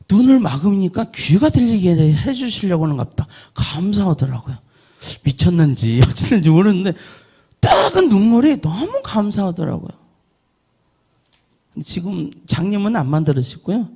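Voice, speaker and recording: A middle-aged man gives a lecture on learning English. His voice sits high and swings widely up and down. He asks the audience questions and answers them himself, and he repeats short practice words aloud. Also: a little mellow, husky. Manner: drills English vowel sounds aloud.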